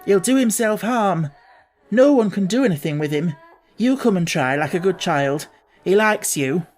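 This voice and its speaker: A woman voicing a flustered adult nurse in an audiobook, urgent, hurried and coaxing. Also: lowish voice, expressive, darkish tone. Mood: anxious, hurried.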